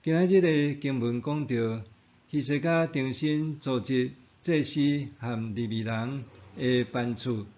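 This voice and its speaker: A man with a Taiwanese Hokkien accent reading a scripted devotional in a measured, formal way. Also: medium pitch, a little mellow, dull audio. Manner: measured, formal read-aloud delivery. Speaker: devotional reader and narrator.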